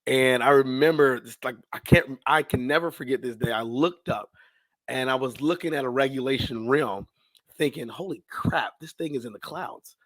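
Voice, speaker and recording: An American man in about his thirties tells stories casually during an interview, speaking at a medium pitch and normal speed with no echo. He is a podcast guest and sports public address announcer, animated and slangy, acting out his own past thoughts and bits of dialogue.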